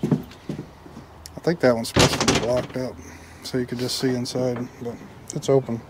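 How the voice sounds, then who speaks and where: A man's voice: mid-range voice, flat delivery, a little slow, heavy background noise. A man, chatting casually as a travel vlogger and reading signs aloud outdoors. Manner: chatty, jokey, reads plaques aloud. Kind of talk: casual tour chat. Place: outdoors in a small town, windy.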